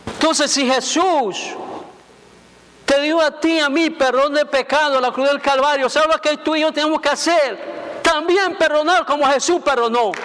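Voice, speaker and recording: A man preaching a sermon as pastor in a church sanctuary, emphatic and deliberate, repeating phrases to drive points home. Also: extremely high pitch, steady tone, a bit bright. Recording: long reverb of a church hall.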